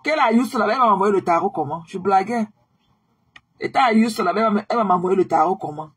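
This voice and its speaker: A woman's voice: medium pitch, fast, slightly rough. A tired woman chatting casually to her viewers on a live stream, repeating herself and slipping English phrases into her talk.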